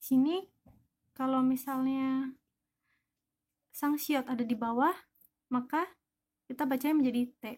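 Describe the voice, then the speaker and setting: A woman's voice: high voice, fairly even intonation, a little slow, long pauses, darkish tone. A woman teaching a language lesson, patiently explaining each example word one by one.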